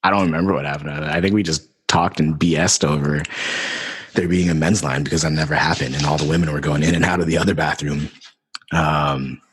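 A man's voice: a bass voice, fairly even intonation, brisk, a bit bright, husky, long reverb tail. A man in casual podcast conversation, telling a story animatedly, laughing and swearing casually.

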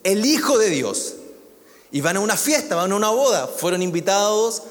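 A man's voice: sits high, expressive, normal speed, long reverb tail. A man preaching a sermon, conversational and joking, with asides to the congregation. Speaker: pastor.

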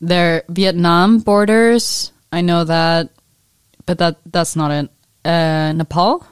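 A woman's voice: fairly low pitch, steady tone, takes it slowly, clean tone, dry recording, studio quality. A young woman co-hosting a podcast, playful and tipsy, laughing often and swearing a little. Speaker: podcast co-host. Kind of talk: casual chat.

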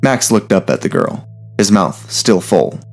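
A man narrating a story in a steady, measured reading voice. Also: on the low side.

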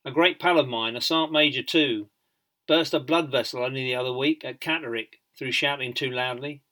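A man's voice: medium pitch, fairly quick, sharp tone, lightly acted. A man doing a chatty, cautioning fellow sergeant. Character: friendly male Irish Guards sergeant major.

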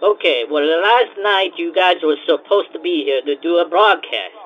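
Guy doing a high-voiced, frazzled cocoa shop owner, keeps repeating himself, dull lo-fi sound. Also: normal speed, lightly acted. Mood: ranting. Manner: exasperated, repeats himself, broken grammar. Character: flustered male cocoa-house owner, frantic, put-upon.

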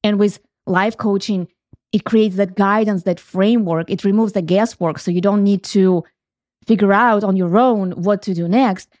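Recorded in studio quality with no room sound, this middle-aged woman from Ukraine holds a steady, slightly mellow medium pitch at a normal pace. As host of her reflective solo podcast, she explains things earnestly and often restarts as she thinks aloud.

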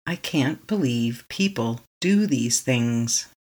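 Leading a tapping session, a meditation guide with a medium-pitched voice speaks slowly and calmly. She offers short affirmations meant for the listener to repeat back.

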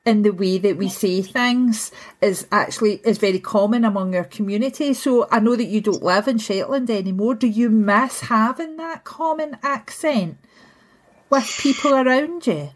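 A woman's voice: a little high, normal speed. A woman with a Glaswegian accent hosting a casual, conversational interview. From Glasgow, Scotland. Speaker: interviewer, host.

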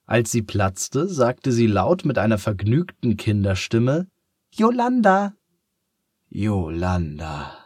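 Slow, husky male storyteller. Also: medium pitch, expressive, darkish tone, no echo, clean studio sound. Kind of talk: scripted narration of a children's story.

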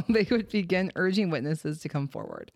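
A woman's voice: lowish voice, huge pitch swings, a little fast, vocal fry, a little mellow, no room sound. A woman hosting a casual true-crime podcast, reading case details and stumbling now and then over place names. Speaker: podcast host.

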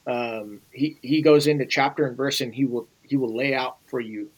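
A man's voice: mid-range voice, fairly even intonation, moderate pace, lo-fi sound. A middle-aged American man speaking as a guest in a podcast interview, earnest and urgent, talking straight to the listeners. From United States.

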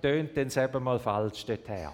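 A male pastor preaching a family sermon, telling a story with lively swings and dropping to a soft hush for tender words, and putting questions to the congregation. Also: mid-range voice, unhurried. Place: church. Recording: long church reverb.

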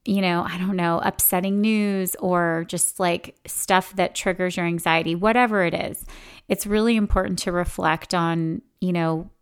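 A woman's voice: lowish voice, clean tone. A middle-aged woman hosting a podcast, talking candidly in a casual, reflective way with lots of filler words. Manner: chatty, candid, many "like" and "you know" fillers. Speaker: podcast host.

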